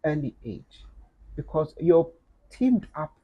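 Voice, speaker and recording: A middle-aged woman with a Kenyan accent, speaking as an interview guest in a measured, thoughtful way, with frequent fillers and repeated words. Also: low-pitched, sing-song, slightly rough, dull audio. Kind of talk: reflective interview conversation.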